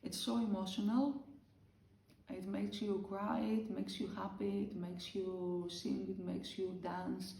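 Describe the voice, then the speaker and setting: A woman from Greece with a Greek accent, speaking English as a second language in halting, earnest interview answers full of pauses. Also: medium pitch, flat delivery, vocal fry, mellow, echoey room, recorded from a distance, a little hiss or hum. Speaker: traditional drummer.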